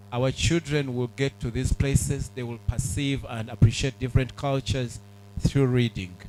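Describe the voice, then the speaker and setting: A man's voice: medium pitch, a little mellow, low-quality recording. Earnest man giving a speech. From Uganda. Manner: earnest, measured, with fillers. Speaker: speaker at a book launch. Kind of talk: public speech to an audience.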